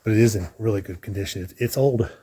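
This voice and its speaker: A man's voice: on the low side, quick pace, dark tone, slight background noise. A man casually narrating a walking tour of a building, chatty and thinking aloud with restarts, a bit out of breath. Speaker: vlogger touring a building. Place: indoor hallways and large rooms.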